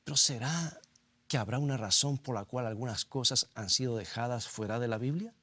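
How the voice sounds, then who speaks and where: A man's voice: medium pitch, sharp tone, dry recording. Man preaching with dry close sound. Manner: rhetorical questions, slow emphatic repetition of scripture. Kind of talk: sermon.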